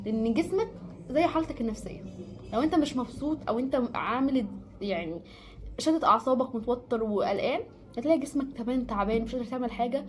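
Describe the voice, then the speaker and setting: A rapid-fire Egyptian woman talks straight to her viewers in a casual advice monologue, her slightly raised voice racing along. She stacks up repeated words for emphasis. A faint hiss sits under the recording. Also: fairly high pitch. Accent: Egyptian Arabic. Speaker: vlogger giving life advice.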